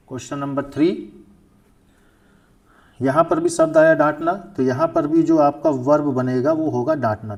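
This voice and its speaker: Man, English, grammar teacher, patient and repetitive, mellow voice, slightly raised pitch. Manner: patient, repeats points, addresses students as beta, asks and answers his own questions. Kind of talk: classroom lesson explaining grammar.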